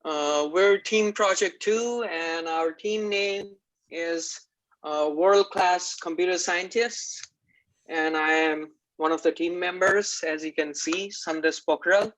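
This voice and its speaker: A man's voice: sits high, slow, fairly bright tone, rough recording. A young man from Nepal giving a class project presentation, walking through technical steps with many "like" and "uh" fillers. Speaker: student presenter.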